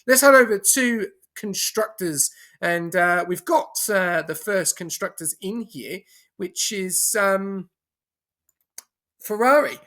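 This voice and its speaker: A man, hosting an informal awards show in a halting, hesitant way. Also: high-pitched, pushed and bright. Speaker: awards show host and race commentator. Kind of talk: casual online awards presenting.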